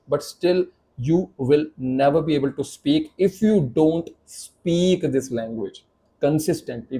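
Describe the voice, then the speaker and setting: A man in his thirties, a native Hindi speaker with an Indian accent, gives an emphatic spoken English lesson to camera. His voice is fairly high and mellow, and he repeats and restarts phrases as he pushes his point.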